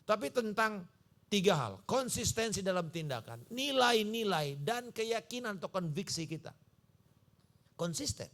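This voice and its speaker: A man's voice: sits high, a little slow. A male pastor preaching a sermon, telling stories and acting out the dialogue in them. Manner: animated storytelling, acting out dialogue. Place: church service.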